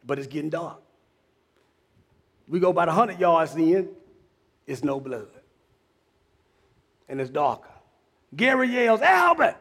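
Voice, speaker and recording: A man preaching a sermon, telling a hunting story and building up to shouted preaching in a church cadence. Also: on the high side, expressive, a little slow, long pauses.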